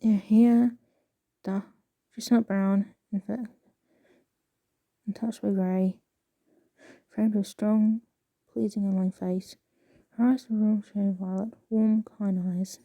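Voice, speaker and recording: A woman casually reading passages aloud with a halting, stumbling delivery and soft asides. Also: medium pitch, fairly even intonation. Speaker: video creator reading excerpts aloud.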